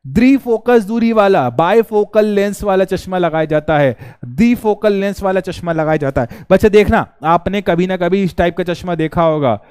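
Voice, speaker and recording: A male teacher runs a live online lesson with a fairly high voice, recorded close and dry. He keeps throwing questions at his students and repeats key words so they stick. His manner is casual and direct throughout. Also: moderate pace, hardly any pauses, a little mellow, clear, resonant tone, no echo. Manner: addresses students directly, chatty and informal. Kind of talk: live online class lecture.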